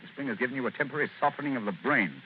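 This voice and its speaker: A man's voice: mid-range voice, rapid-fire, lightly acted. A man playing Sherlock Holmes as a gloomy, clipped and sardonic detective in a 1940s radio drama. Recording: tinny old radio broadcast with faint hiss.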